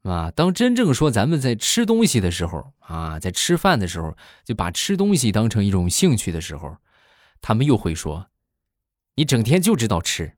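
A man's voice: fairly low pitch, moderate pace, no echo. A man doing a comic monologue, telling stories with frequent filler sounds. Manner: lively storytelling with frequent filler "ah"s. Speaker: stand-up comedian.

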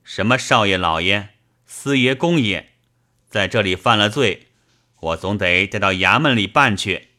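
A man's voice: on the low side, lively intonation, unhurried, bright, forceful tone. A man voicing a stern, upright middle-aged official who speaks curtly and commands. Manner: curt and commanding.

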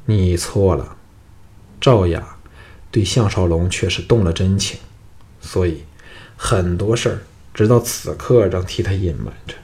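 A man's voice: low-pitched, measured pace, darkish tone. A man voicing a scheming, cruel male noble villain in an audiobook, with a cold, gloating, menacing delivery. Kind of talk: audiobook character voice.

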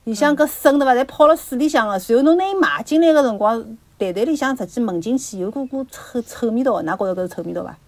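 A woman's voice: fairly high pitch, animated, fast, few pauses, dry recording. Shanghai-accented woman, close dry sound. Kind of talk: casual chat about home cooking.

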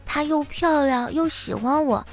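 A woman voicing a cheeky, defiant little girl who drags her words out slowly. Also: high-pitched, soft background music, voice pushed up. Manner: slow, sassy, drawn-out.

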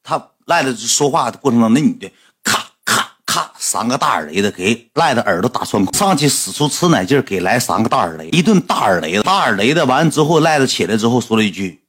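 A man with a Northeastern Chinese accent telling a comic story in a lively, colloquial way. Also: mid-range voice, quick pace, slightly rough. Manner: lively, colloquial, animated retelling.

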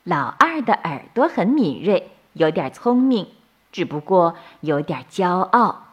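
Slow sing-song woman storyteller. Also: on the low side, very animated, slightly rough. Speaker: children's storyteller. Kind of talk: bedtime story narration.

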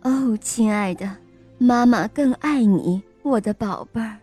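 Lady doing a soft tender mama rabbit, soothing, slow, fairly high voice. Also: slightly rough, no room sound, faint music behind. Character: gentle loving mother rabbit.

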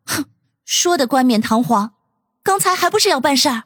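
A woman's voice: high-pitched, lively intonation, moderate pace, a bit bright, no room sound, clean studio sound. A woman voicing a bold young woman who scolds and teases sarcastically. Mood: huffy. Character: bold, sharp-tongued young woman, elder cousin.

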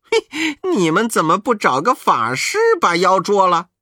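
A storyteller voicing a cheeky, boastful monkey king who talks loud and fast. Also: medium pitch, very animated, no room sound, studio quality, voice pushed up, exaggerated voice. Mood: probing. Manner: shouting, quick and cocky. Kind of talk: children's storybook narration.

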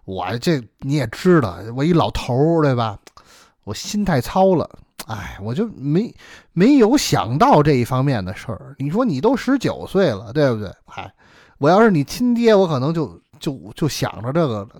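A man's voice: medium pitch, very animated, moderate pace, darkish tone, no echo, clean studio sound. A man voicing a kindly elderly neighbor, talking earnestly and fatherly in a storytelling performance. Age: older. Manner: earnest, self-reproaching, fatherly.

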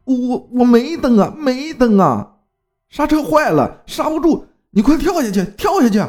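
A man voicing a frightened, scolding middle-aged mother who shouts in a shrill, urgent way. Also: sing-song, normal speed, full character voice. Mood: panicked.

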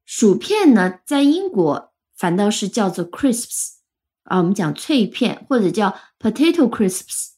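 A woman's voice: medium pitch, big pitch swings, unhurried, mellow. A woman, a native Chinese speaker, giving a casual weekly English lesson. She explains word meanings patiently and spells words out letter by letter. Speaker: English teacher. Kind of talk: casual Friday chat lesson.

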